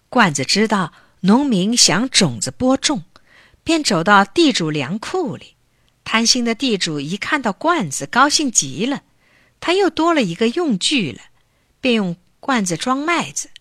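A woman narrating a children's folk tale with an expressive storybook delivery. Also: on the high side, no echo.

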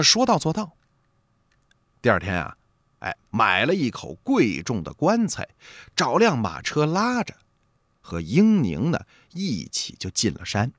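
Animated high-voiced male storyteller. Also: no echo, studio quality. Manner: lively, animated narration with drawn-out interjections. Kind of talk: traditional oral storytelling.

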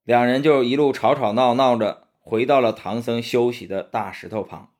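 A man narrating a children's story in an animated, expressive way. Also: medium pitch, moderate pace.

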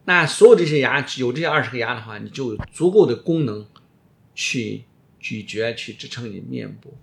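Middle-aged guy expert in an interview, gravelly voice, repeats himself for emphasis, casual explaining. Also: medium pitch, expressive, brisk. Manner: emphatic, repeats phrases, drops in English words. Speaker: orthodontist being interviewed.

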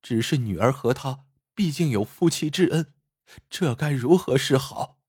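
A man voicing a distressed young wife in a storybook reading, raising his voice high and pleading. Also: lively intonation, a little slow, a little mellow, husky, no echo, clean studio sound. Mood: troubled.

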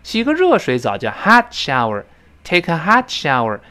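A man teaching a spoken English lesson whose first language is Chinese. He explains at length with many fillers and repeats words slowly to model pronunciation. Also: on the high side, huge pitch swings, bright, forceful tone.

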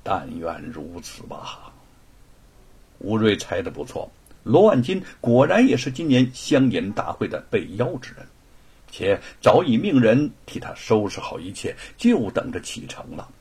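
A man narrating a historical story in an expressive, dramatic storytelling style. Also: medium pitch, normal speed, breathy edge.

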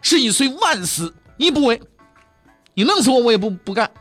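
A male storyteller voicing a calm, defiant old palace eunuch who declaims solemnly in an archaic way. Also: sits high, takes it slowly, breathy edge, dry recording, faint music behind, exaggerated voice.

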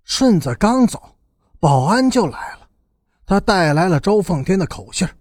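Husky male audiobook narrator, lively swoopy delivery, dry close mic. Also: high-pitched, normal speed, no room sound. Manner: expressive, lively storyteller. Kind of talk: storytelling narration.

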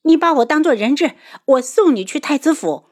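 A woman voicing a fierce, headstrong young noblewoman in an audiobook, shrill and impassioned. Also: animated, normal speed, darkish tone. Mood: scornful. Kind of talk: audiobook character voice.

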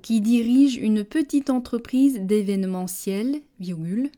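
Woman, dictation reader, very slow and measured, warm mellow tone, repeats each phrase. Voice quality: measured, deliberate, dropping low on punctuation words. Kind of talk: slow French dictation, each phrase read twice with punctuation spoken.

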